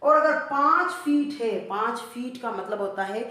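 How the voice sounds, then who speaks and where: A woman's voice: a little high, expressive, measured pace, bright, forceful tone. A woman with an Indian accent teaching an exam-prep English lesson. She asks questions and then answers them herself, repeating the key points. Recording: very echoey room.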